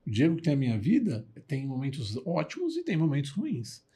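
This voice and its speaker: A man's voice: fairly high pitch, huge pitch swings, a little fast, mellow, husky. A man, a doctor co-hosting a podcast, who asks long, winding questions with a light laugh. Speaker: co-host, doctor. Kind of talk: podcast interview.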